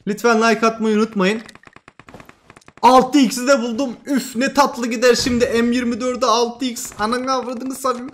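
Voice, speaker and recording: A young man hosting a mobile shooter channel, giving excitable, trash-talking live commentary that swings between loud outbursts and muttering. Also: very high voice, a little slow. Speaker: gaming channel host.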